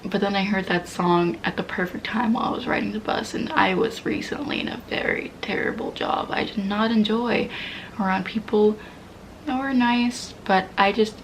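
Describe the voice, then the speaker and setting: A woman's voice: medium pitch, steady tone, moderate pace, a little hiss or hum, poor audio. A woman in her twenties candidly venting, rambling and swearing casually, often dropping into half-whispers. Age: 20s. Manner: swears casually, laughs at herself. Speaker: vlogger. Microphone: poor-quality mic.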